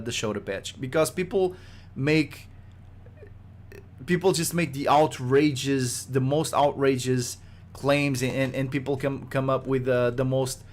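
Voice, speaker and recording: Game developer, male, medium pitch; rambling, restart-heavy casual podcast talk, exasperated tone. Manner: rambling, frequent fillers and restarts; exasperated at rumors.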